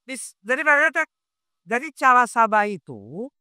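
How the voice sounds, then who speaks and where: Bright, crisp-voiced male preacher. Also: extremely high pitch, no echo, clean studio sound. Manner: quizzes the audience with quick rhetorical questions; lively, conversational preaching. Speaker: Islamic preacher. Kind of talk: sermon to a congregation.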